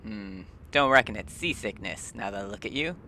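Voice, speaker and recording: A man voicing a talkative old male ship merchant, gruff and rambling. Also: fairly low pitch, expressive, normal speed, pushed and bright, slight background noise. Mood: chatty. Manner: gruff and rambling, drops dialect words.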